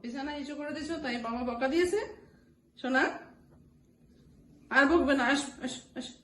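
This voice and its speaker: A woman's voice: sits high, moderate pace, roomy sound, noisy background. A woman at home coaxing and scolding her pet dogs in a sing-song baby-talk voice, repeating words over and over. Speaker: pet owner.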